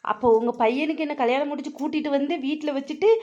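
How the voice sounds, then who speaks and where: A woman's voice: sits high, steady tone, a little mellow, highs cut off, close to an everyday voice. A woman voicing a defiant young daughter-in-law who retorts and mocks. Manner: retorting, mocking, fast talking. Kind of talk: cartoon voice acting.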